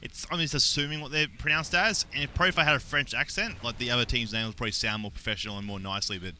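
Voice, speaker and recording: A young adult man with an Australian accent calls esports play-by-play as a caster, his medium-pitched voice racing and getting excited on big plays. There's a little hiss or hum in the recording.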